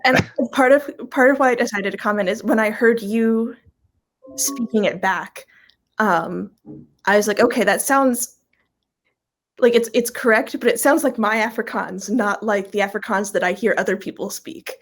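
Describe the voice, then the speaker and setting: A woman's voice: medium pitch, moderate pace. A woman co-presenting in a casual chat, recounting her own experience. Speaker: co-presenter and language consultant.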